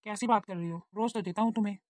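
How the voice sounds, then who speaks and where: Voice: medium pitch, steady tone, very fast, darkish tone, no echo, clean studio sound, natural voice. A performer voicing a patient adult husband in a cartoon, reasoning and mildly chiding his wife. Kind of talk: cartoon voice acting.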